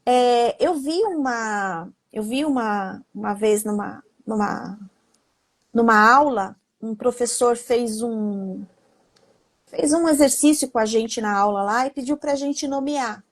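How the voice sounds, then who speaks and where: High-voiced woman explaining with restarts. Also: slow. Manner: explains with many restarts and acted-out quotes. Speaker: guest speaker on emotions. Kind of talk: casual live conversation.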